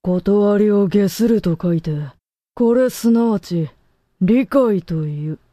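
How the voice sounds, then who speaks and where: A stern co-host lays down verdicts in short, clipped sentences. The voice is very dark and mellow, recorded dry and close. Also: medium pitch, slow pace, dry recording. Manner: stern, lecturing, clipped declaratives. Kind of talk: terse authoritative pronouncements.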